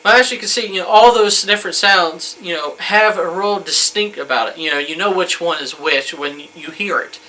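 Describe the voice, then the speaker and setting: A man's voice: high-pitched, normal speed, hardly any pauses, bright, forceful tone, rough recording. A man in his thirties giving an informal how-to talk as a hunting instructor, in a folksy, colloquial, rambling way. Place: wood-panelled room indoors.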